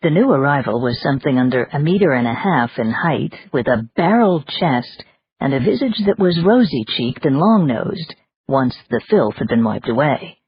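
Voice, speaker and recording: An audiobook narrator reading a novel in a steady, even manner. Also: medium pitch, moderate pace, husky. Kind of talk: scripted narration. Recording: dull lo-fi audiobook recording.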